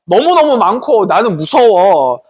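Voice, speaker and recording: A frightened king coaxes and pleads, slow and urgent, as a man acts him out. His voice is husky and moves up and down. It is told as a sermon story. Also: medium pitch, sing-song, a little mellow. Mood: pleading. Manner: pleading, coaxing. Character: fearful king begging for a curse.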